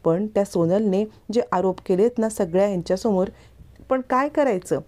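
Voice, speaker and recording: A woman's voice: mid-range voice, normal speed, mellow, voice pushed up, natural voice. A woman voicing a scheming middle-aged woman of the house who talks in an anxious, accusing way.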